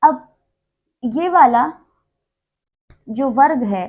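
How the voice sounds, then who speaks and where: A woman with a fairly high voice teaches a grammar lesson at an unhurried pace. She explains patiently, saying each consonant slowly and on its own, and she often puts in small filler words. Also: animated, dull audio. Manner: uses many fillers.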